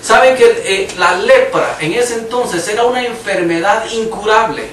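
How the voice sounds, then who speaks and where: Man, preacher, emphatic sermon, high voice, heard from a distance. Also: normal speed, fairly bright tone, a little hiss or hum. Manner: emphatic, raises voice for quoted cries. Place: church hall. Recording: echoey room, mic far off.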